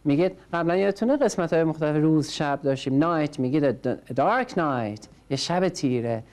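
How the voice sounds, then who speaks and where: A woman's voice: sits low, animated, a little mellow. A woman teaching a language class, patiently drilling words by repetition and prompting each learner in turn. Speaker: English teacher.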